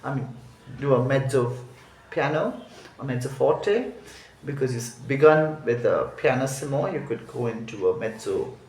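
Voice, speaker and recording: A man's voice: medium pitch, animated, moderate pace, a little mellow, slight background noise. A man teaching a song, explaining each phrase, thinking aloud and correcting himself. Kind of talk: music lesson walkthrough. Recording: roomy echo.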